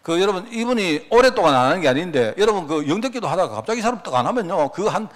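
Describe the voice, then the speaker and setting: Male pastor, sermon, animated storyteller who acts out quotes, very expressive. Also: sits high, very fast.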